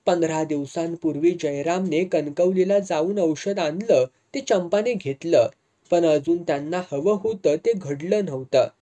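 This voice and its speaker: A reader narrating a serialized novel in a steady storytelling manner. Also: mid-range voice. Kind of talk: scripted narration.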